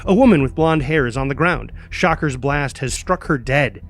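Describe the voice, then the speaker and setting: At medium pitch and normal speed, a man serves as stage-direction narrator at a table read, reading the scripted present-tense directions. He delivers them in a punchy, clipped, dramatic manner and exclaims the sound words.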